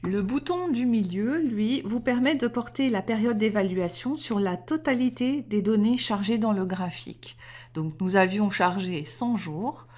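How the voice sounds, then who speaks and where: A woman explaining trading software step by step in a screen-recorded tutorial, methodical and clear, with small self-corrections. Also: medium pitch, animated, unhurried.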